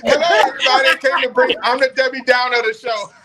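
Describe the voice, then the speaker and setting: A man, a pastor and guest on a live chat show, who talks in halting bursts with restarts and easy laughs. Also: very high voice, flat delivery, crowd noise, rough recording. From Far Rockaway, Queens, New York. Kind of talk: casual live-stream chat.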